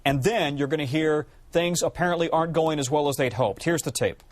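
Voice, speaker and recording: A man with a slightly high voice delivers explanatory news commentary. He speaks as a presenter walking listeners through a report. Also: a little fast, no room sound.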